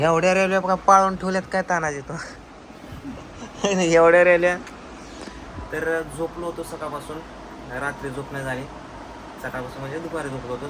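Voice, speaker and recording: Chatty man vlogging with noisy surroundings. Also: medium pitch. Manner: chatty, scolding and coaxing small children. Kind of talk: casual family vlog.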